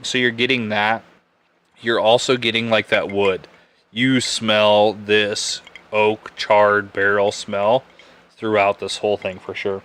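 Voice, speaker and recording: Laid-back man with a bright, clear voice. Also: on the low side, little pitch movement, takes it slowly. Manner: rambling, laid-back, self-correcting. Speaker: podcast host reviewing bourbon. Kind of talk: casual live-stream chat.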